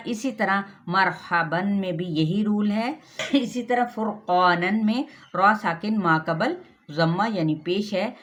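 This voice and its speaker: A woman with a Pakistani Urdu accent teaching Quran recitation rules, patiently explaining step by step and drilling each sound slowly. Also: fairly low pitch, fairly bright tone. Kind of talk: tajweed lesson with recitation.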